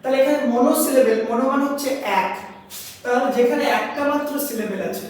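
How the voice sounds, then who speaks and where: A woman's voice: sits high, darkish tone, recorded from a distance, slight background noise. Bengali-accented woman teaching in an echoey hall. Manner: explains step by step, asks students questions, sounds out syllables slowly. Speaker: English grammar teacher. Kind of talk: classroom lesson.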